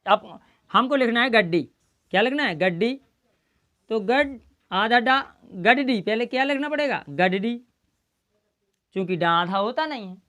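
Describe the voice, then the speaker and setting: A woman with a fairly high, slightly bright voice teaches Hindi pronunciation in a slow, classroom-style lesson. She poses questions, answers them herself, and spells out the letter sounds one at a time.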